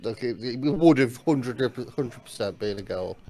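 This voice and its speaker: A man's voice: mid-range voice, animated, unhurried. Man, mid-range voice, music behind, blunt matey football chat, sweary. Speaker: co-host of a football watch-along stream. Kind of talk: casual chat and match reaction.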